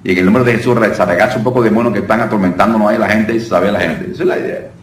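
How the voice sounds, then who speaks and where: A man's voice: on the low side, steady tone, rapid-fire. A man gives a loose, conversational preaching lesson, addressing listeners as brother and often breaking off to restart his phrases. He is picked up from a distance in a roomy space with echo. A faint noise sits under his voice. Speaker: deliverance minister teaching.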